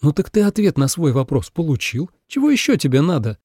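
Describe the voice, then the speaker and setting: A man voicing a sharp-tongued young songbird maiden who mocks and snaps back. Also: fairly high pitch, big pitch swings, a little fast, slightly rough, no room sound, clean studio sound, pitched above the performer's own voice. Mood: sarcastic, snippy. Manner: snappish and mocking.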